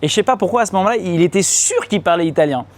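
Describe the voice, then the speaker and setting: A young man from France performing a stand-up comedy set on a club stage, slangy and animated, talking straight to the crowd and acting out loud high-pitched outbursts. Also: very fast. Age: young adult. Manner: slangy casual French, addresses audience directly. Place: comedy club stage before a live audience.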